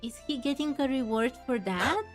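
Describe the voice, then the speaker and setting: A woman with a high voice talks at normal speed as a gaming streamer, chatting casually and musing aloud while playing through a game, with faint game music in the background.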